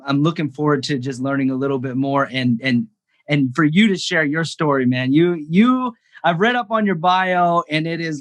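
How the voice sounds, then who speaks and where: Man, podcast host, slightly high voice, enthusiastic, stammers. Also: fairly bright tone. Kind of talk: casual interview.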